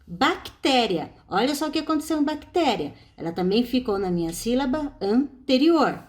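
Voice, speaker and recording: Brazilian woman teacher, fairly high voice, sing-song delivery, explains step by step. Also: animated, fairly quick, a little mellow. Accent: Brazilian Portuguese. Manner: explains step by step, stressing example words. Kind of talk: recorded online class.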